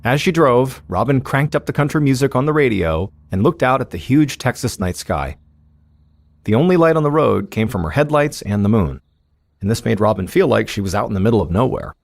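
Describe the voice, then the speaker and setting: A man hosting a podcast, telling a true-crime story in measured, suspenseful scripted narration. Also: medium pitch, animated, vocal fry, no room sound. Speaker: podcast host.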